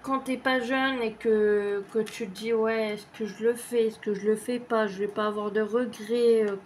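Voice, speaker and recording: A woman's voice: fairly high pitch, fairly even intonation, normal speed, darkish tone, slight background noise. A woman vlogger chatting casually as she answers tag questions, rambling and hesitant with lots of fillers and the odd swear word. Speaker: craft vlogger.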